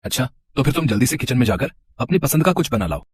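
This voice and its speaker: A man voicing a calm, reassuring young husband who mixes in English words. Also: mid-range voice, fast, husky, no echo.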